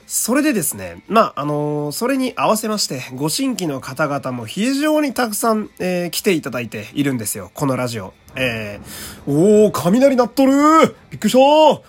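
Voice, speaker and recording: Lively-pitched chatty male voice actor. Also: a little fast. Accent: put-on Kansai dialect mixed with standard Japanese. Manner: chatty, self-deprecating, laughs often, reads listener letters aloud. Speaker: voice actor hosting a solo talk radio show. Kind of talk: casual solo talk radio chat.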